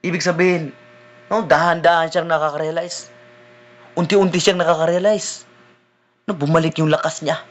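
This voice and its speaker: A man, a deliverance minister preaching a sermon in a conversational way, often checking in with the listeners with a quick "no?". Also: fairly high pitch, fairly even intonation. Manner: conversational preaching, mixing in English phrases, frequent "no?" tag questions.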